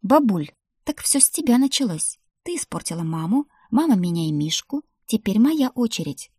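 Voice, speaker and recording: A woman's voice: mid-range voice, moderate pace, slightly rough, no echo, clean studio sound, pitched above the performer's own voice. Woman reading as a teasing young mother. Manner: teasing, lively. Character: cheeky young wife and mother, pregnant. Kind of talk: audiobook character voice.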